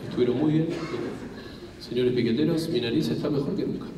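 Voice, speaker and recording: A man with an Argentine Spanish accent doing stand-up crowd work on a comedy club stage, loose and animated, swearing and acting out scenes. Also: medium pitch, a little fast, noisy background. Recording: echoey hall, taped from far off.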